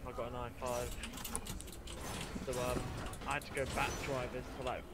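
Hesitant gamer buddy on a hissy mic. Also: male voice, medium pitch, flat delivery, normal speed. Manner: hesitant, lots of um and like. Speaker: gaming guest who makes videos. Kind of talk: casual gaming chat. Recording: loud hiss from a poor mic.

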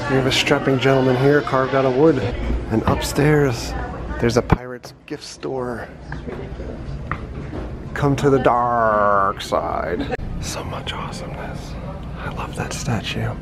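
A travel vlogger in his forties, filmed on a handheld camera, gives wry, chatty commentary while touring sights on a trip. His medium-pitched voice moves slowly with frequent pauses, and a noisy restaurant crowd fills the busy indoor space around him.

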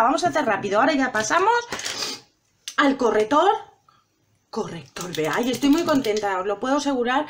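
High-voiced spanish lady doing her makeup on camera, chatty and a bit dramatic, talking to her viewers. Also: slight background noise. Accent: Spanish from Spain. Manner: chatty, self-dramatizing, addresses viewers directly. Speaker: beauty vlogger. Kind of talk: casual makeup tutorial chat.

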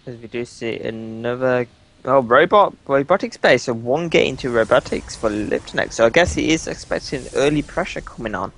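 A man's voice: medium pitch, expressive, normal speed, a bit bright. A man casting a live video game match as play-by-play commentator, narrating each move. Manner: play-by-play, repeats "as we do see". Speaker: esports caster.

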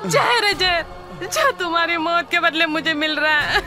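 A woman's voice: very high voice, expressive, normal speed. An actress playing a poor, worried young wife and mother in a film drama, scolding in despair. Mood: reproachful. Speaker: film character. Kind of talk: melodramatic film acting. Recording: film soundtrack with music.

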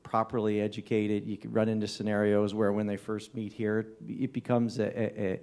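A man delivering a town councillor's report at a council meeting, halting often with fillers and restarts. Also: lowish voice, level tone, darkish tone. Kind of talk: formal council report with ad-libbed remarks. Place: council chamber.

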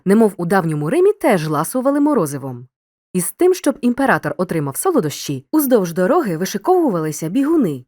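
Lively dry-voiced woman teaching a lesson. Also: lowish voice, dry recording. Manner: clear didactic instruction, addresses the learner directly. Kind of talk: scripted lesson narration.

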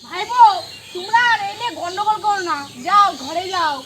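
A man voicing a peacemaking, gently admonishing village uncle in a comedy cartoon, with a pitched-up voice. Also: brisk, crowd noise. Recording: music behind the voice.

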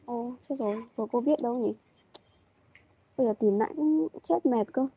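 Lady teaching english online, kinda high voice, dull lo-fi call audio, dry. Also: moderate pace, husky, no room sound. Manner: patient, prompting, repeats questions. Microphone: video call.

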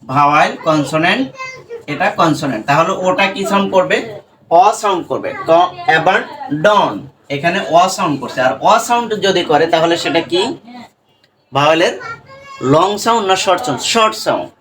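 A teacher with a Bengali accent giving a pronunciation lesson, asking questions and answering them himself, repeating words slowly. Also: mid-range voice, animated, fairly bright tone. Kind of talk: classroom-style lesson to students.

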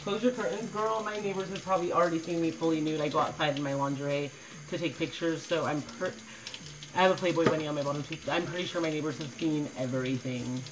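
A woman's voice: low-pitched, quick pace, noisy background. A young woman chatting casually on a livestream from her kitchen into a phone, rambling with constant "like" fillers and blunt swearing.

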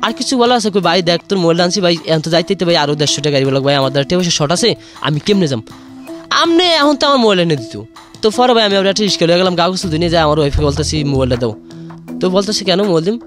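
A man's voice: on the high side, animated, rapid-fire, soft background music. A young man, rambling through an emotional personal story as a radio caller and saying "brother" again and again. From Bangladesh. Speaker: caller sharing a confession.

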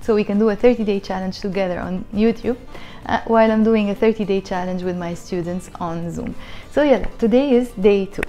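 A woman's voice: medium pitch, warm tone, faint music behind. A woman in her thirties with a Levantine Arabic accent, a native Arabic speaker teaching a conversational language lesson in an explanatory, repetitive way. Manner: explanatory, breaks phrases down slowly with repetition. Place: small living room indoors, on a sofa.

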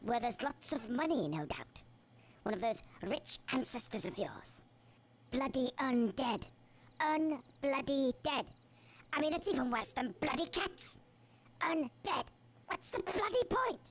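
A grumpy game character. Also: male voice, very high-pitched, expressive, unhurried, full character voice. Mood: grumbling. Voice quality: gruff, swearing, grumbling. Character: grumpy foul-mouthed British game character, male.

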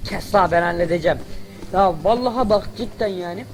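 A young man giving casual, loud, cursing commentary as he plays a shooter game, shouting at enemies. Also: high voice, a little fast, soft background music, rough recording. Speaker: gaming video creator. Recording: loud game gunfire behind the voice.

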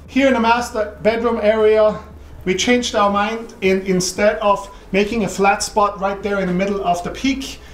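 Guy in his 40s showing off his attic reno, kinda high voice, lots of ums, echoey wood attic. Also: slight background noise. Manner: relaxed, thinking aloud with many ums and restarts. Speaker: home renovation vlogger. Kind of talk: casual walkthrough narration. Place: large wooden attic under renovation, indoors. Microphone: camera mic, often off-camera.

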